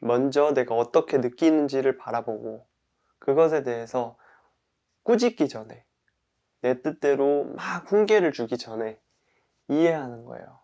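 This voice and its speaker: A man teaching about caring for one's own mind, calmly explaining with everyday examples and sometimes dropping into a soft murmur for gentle self-talk. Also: medium pitch, measured pace. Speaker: mind-body wellness instructor.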